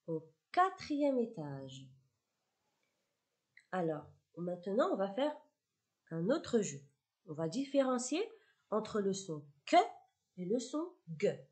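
A woman teaching a primary school phonics lesson, speaking slowly, clearly articulating each word twice and praising the children often. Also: medium pitch, a little mellow. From Morocco.

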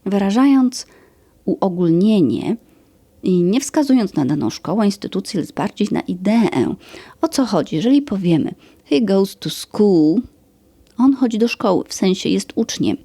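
A woman teaching English grammar in a podcast, slowly explaining rules and listing examples. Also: medium pitch, animated, dark tone, no room sound. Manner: slow, careful explaining with example lists.

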